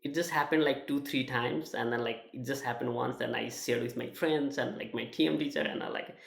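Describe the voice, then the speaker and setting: Nepali-accented young man, gravelly and flat. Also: medium pitch, roomy sound. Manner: halting, many fillers and restarts. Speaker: student sharing his experience. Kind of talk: personal testimonial.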